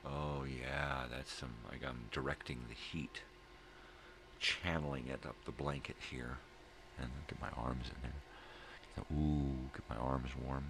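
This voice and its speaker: A rumbling low, creaky voice with fairly even intonation belongs to a middle-aged man hosting a daily morning vlog. He speaks at a measured pace, rambling casually in a mellow stoner drawl and circling back to repeat himself, amid noticeable background noise.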